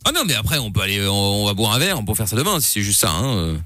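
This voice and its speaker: A radio host playing a sleazy, pushy cousin on a prank call, hesitating and full of filler sounds. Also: male voice, lowish voice, big pitch swings, quick pace, pushed and bright, no echo, soft background music. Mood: smarmy. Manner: smarmy, hesitant, full of euh. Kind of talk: prank call role-play.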